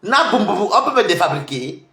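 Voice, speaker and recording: A man's voice: sing-song, fairly quick. Taunting man ranting in an echoey room. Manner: taunting, repetitive, mocking, switching between loud outbursts and low mutters. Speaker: social media commentator. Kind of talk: confrontational online rant.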